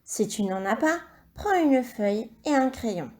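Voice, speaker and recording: A woman teacher giving a recorded reading and dictation lesson to young children, speaking slowly and clearly and encouraging the child directly. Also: a little high, animated, warm tone. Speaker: primary school teacher.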